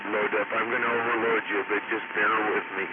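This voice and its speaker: A man's voice: on the low side, level tone, quick pace, phone-quality sound. A man chatting on a CB radio channel, joking around in a talkative, easygoing way. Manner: joking and talkative, laughs between lines. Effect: heard over a CB radio channel. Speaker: CB radio operator. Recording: loud static over CB radio.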